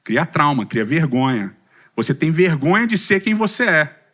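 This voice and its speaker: A man's voice: fairly high pitch, moderate pace. A middle-aged Brazilian man giving a humorous personal testimony to a church community, asking the audience questions and poking fun at himself. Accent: Brazilian Portuguese. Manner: lively storytelling with self-deprecating humor, asks audience questions. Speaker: speaker at a church community talk.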